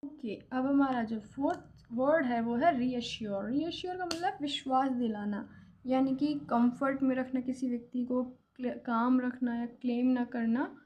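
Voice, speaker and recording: A woman's voice: high voice, a little slow, mellow, dull audio, slight background noise. A young Indian woman teaching English vocabulary, explaining each word patiently with examples. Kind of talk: vocabulary lesson in Hindi.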